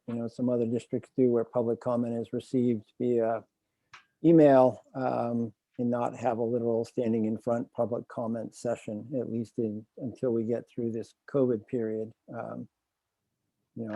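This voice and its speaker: Board member guy, soft dark tone, asking careful questions, dry muffled mic. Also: mid-range voice, no room sound. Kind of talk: public meeting discussion.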